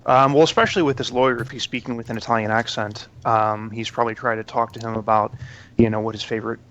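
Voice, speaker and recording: A man's voice: mid-range voice, steady tone, quick pace, fairly bright tone, lo-fi sound. A man playing a tabletop role-playing game, talking through his character in an easygoing, joking way. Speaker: player. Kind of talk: casual tabletop game play.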